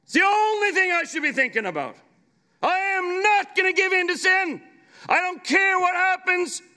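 A middle-aged man preaching a sermon from a podium microphone on a large conference stage, urgent and emphatic, at times shouting. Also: very high-pitched, lively intonation, moderate pace.

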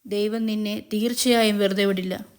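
A woman voicing a distraught captive mother pleading for her daughter and accusing her captor, in a smooth voice. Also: a little high, steady tone, normal speed, a little mellow, natural voice.

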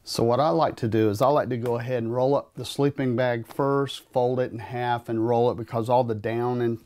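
A man's voice: mid-range voice, normal speed, slight background noise. Casual man demonstrating camping gear. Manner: relaxed, plain-spoken, talks while handling gear. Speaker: gear reviewer. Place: carpeted room in a house, indoors.

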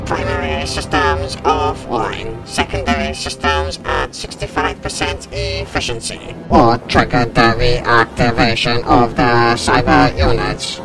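Metallic cyborg boss, flat clipped robot talk, super slow, loud music behind. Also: male voice, medium pitch, low-quality recording. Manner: flat, clipped, mechanical delivery. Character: cold emotionless cyborg commander, male. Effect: metallic robotic voice filter. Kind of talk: fan audio drama voice test.

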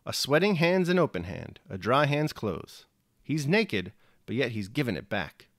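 Man doing a gentle old peasant soldier, proverb-loving, lifted voice, lively pitch. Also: moderate pace, dry recording, clean studio sound. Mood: musing. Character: kindly old male peasant soldier, folksy.

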